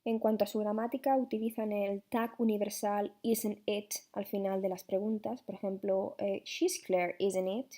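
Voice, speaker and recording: A woman's voice: mid-range voice, little pitch movement, dark tone. Young Spanish woman reading a lesson. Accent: Spanish (Spain). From Spain. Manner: slow careful reading with frequent "eh" fillers. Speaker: student teacher. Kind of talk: read classroom presentation.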